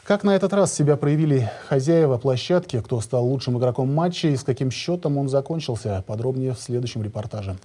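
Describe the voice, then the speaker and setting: A man in his forties anchors the news from a studio. His voice is very mellow and dark, with a husky edge, delivering a scripted bulletin at a medium pitch. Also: expressive, fairly quick, few pauses.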